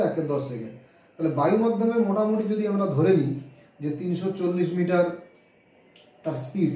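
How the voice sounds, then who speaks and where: In a classroom physics lecture, a man explains step by step, works sums aloud, and mixes in English terms. His voice is high-pitched with a dark tone. He is far from the mic in a very echoey room.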